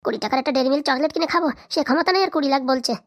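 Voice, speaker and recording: A woman's voice: high voice, rapid-fire, close to an everyday voice. A woman voicing a greedy, scheming mother in a cartoon comedy who scolds and curses. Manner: scolding, foul-mouthed. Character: scheming greedy middle-aged mother, foul-mouthed.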